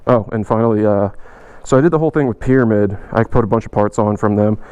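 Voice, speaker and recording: A man's voice: fairly low pitch, quick pace, clean tone, no room sound, highs cut off. A man talking casually and rambling as he vlogs about his motorcycle, much of it while riding on country roads. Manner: relaxed, rambling, with filler words. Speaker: motorcycle vlogger. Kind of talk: casual vlog. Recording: noisy outdoor road recording.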